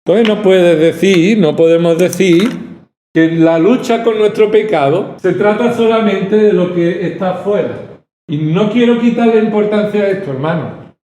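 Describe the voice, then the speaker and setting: A man's voice: sits high, moderate pace, warm tone, echoey room, slight background noise. A male pastor from preaching a sermon, pressing his points with rhetorical questions and repetition. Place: church hall.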